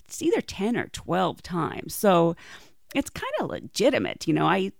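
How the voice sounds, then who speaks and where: A woman's voice: lowish voice, huge pitch swings, unhurried, vocal fry, no room sound, studio quality. A woman casually telling personal stories as a podcast host. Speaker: podcast host and flight attendant.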